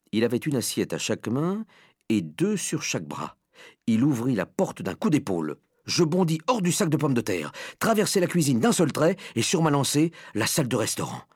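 Animated male storybook reader. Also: medium pitch, husky, no echo, clean studio sound. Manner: animated, dramatic first-person telling. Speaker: audiobook reader. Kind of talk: expressive storybook narration.

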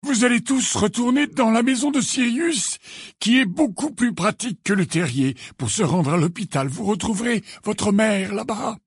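A man voicing an old, grand headmaster wizard in an audiobook, speaking slowly and with calm authority. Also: sits high, slightly rough, dry recording, clean studio sound, pitched above the performer's own voice. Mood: explaining. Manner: slow, deliberate commanding speech. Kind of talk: audiobook character voice.

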